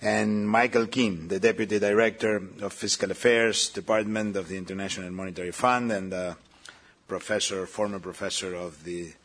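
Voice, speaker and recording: A man moderating a panel, introducing speakers with many fillers and pauses. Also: fairly low pitch, steady tone, a bit bright. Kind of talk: formal event introductions.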